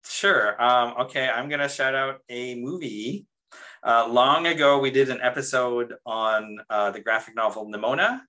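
A man's voice: medium pitch, moderate pace, bright, forceful tone, poor audio. A man co-hosting a casual book-club podcast, explaining at length and using lots of "like". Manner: talkative, explanatory, heavy on "like". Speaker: podcast co-host.

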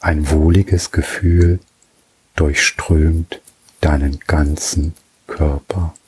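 A man guiding a relaxation journey in a soft, soothing way, with long pauses between phrases. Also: extremely low pitch, flat delivery, husky. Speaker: meditation guide.

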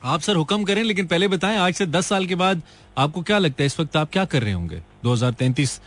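A man's voice: a little high, lively intonation, fast, fairly bright tone. A man from Pakistan with a Pakistani Urdu accent, hosting a call-in radio show in a joking, teasing way and mixing in English phrases. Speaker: radio host.

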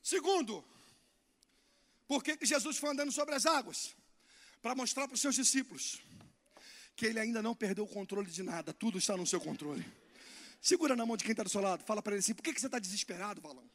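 A man with a Brazilian accent preaching a sermon in a church as guest preacher, swinging from soft to shouting and calling for responses from the congregation. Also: high-pitched, expressive, fast talker, pauses often.

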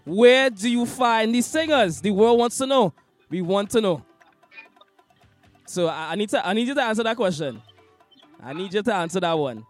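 A male DJ hosts this interview over a video call with a notably high voice. He gushes, leans on emphasis and repeats himself as he praises his guests. Soft music plays faintly underneath. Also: animated, moderate pace, pauses often. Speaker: DJ and interview host. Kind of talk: casual interview chat.

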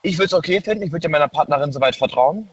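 A nineteen-year-old caller from near Heidelberg, Germany, joins a casual call-in chat over the phone, speaking hesitantly with lots of filler words. His fairly high voice is animated and very fast, muffled and dry on the phone line, with slight background noise.

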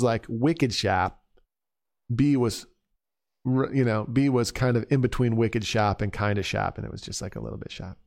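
A man talks through his notes on a piping performance in a loose, conversational way, drifting off on side thoughts. His voice is smooth and clear, at a middling pitch. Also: darkish tone. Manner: conversational and digressive, thinking aloud. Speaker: bagpipe instructor. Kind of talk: casual spoken performance critique.

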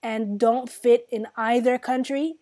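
A woman's voice: a little high, steady tone, a little slow, dark tone. A young woman from Sudan co-hosting a podcast, talking in an earnest, emphatic way with fillers. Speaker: podcast co-host. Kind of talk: casual podcast chat.

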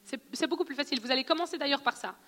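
A woman with a noticeable accent teaching a church audience on prophecy in a conversational, animated way, often laughing and asking questions. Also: sits high, very fast. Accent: non-French accent in French. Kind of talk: sermon teaching. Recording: long hall reverb.

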